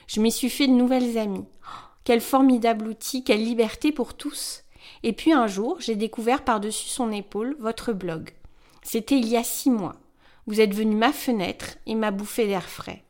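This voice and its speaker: A woman voicing a wistful, grateful 73-year-old retired factory worker, reading her letter in a gentle, tender way as scripted narration. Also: medium pitch, natural voice.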